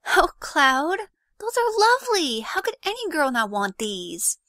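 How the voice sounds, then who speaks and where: A woman's voice: high-pitched, big pitch swings, unhurried, sharp tone, no room sound, studio quality, full character voice. A woman voicing an eager, hopeful teenage schoolgirl with a bubbly, blunt manner in a fan audio drama.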